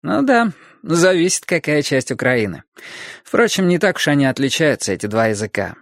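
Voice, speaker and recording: A man's voice: on the high side, very animated, moderate pace, gravelly, fairly bright tone, no echo, pitched above the performer's own voice, heavily acted. Male reader doing a raised, offhand voice for a mocking teen boy, dry close sound. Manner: shrugging, nonchalant delivery.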